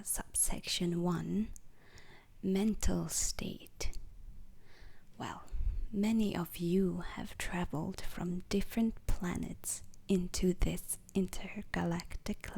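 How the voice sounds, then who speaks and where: In an ASMR roleplay, a woman plays an alien instructor briefing space recruits, speaking in a breathy, husky whisper with some crackle. Her delivery is slow, deliberate, solemn and strict, like a lesson. The voice is fairly low, a little mellow and exaggerated.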